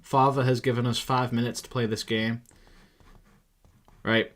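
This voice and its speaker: A man's voice: mid-range voice, little pitch movement, a little slow. A young man streaming live as a trader, thinking aloud in casual commentary, exasperated and swearing freely.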